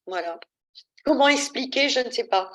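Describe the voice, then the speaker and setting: A woman's voice: sits high, animated, normal speed, fairly bright tone. A woman speaking casually as a participant in a meeting. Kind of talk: casual chat.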